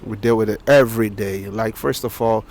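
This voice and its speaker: Brief: man from Ghana, low, gravelly, matter-of-fact street interviewee. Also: steady tone, normal speed, darkish tone. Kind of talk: casual interview answers.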